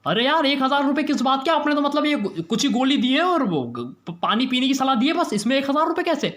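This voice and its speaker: In a comedy audio serial, a performer plays a greedy, easily panicked middle-aged man. He blusters and whines, and his voice jumps up high and loud whenever he gets riled. A faint hiss sits under the voice. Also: big pitch swings, echoey room. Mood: grumbling. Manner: whiny, blustering, quick to anger.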